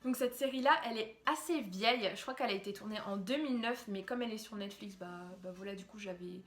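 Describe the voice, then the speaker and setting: A young French woman talks quickly in a medium-pitched voice, chatting casually to camera as a YouTuber about TV series. She uses many fillers and restarts, and the room sounds echoey.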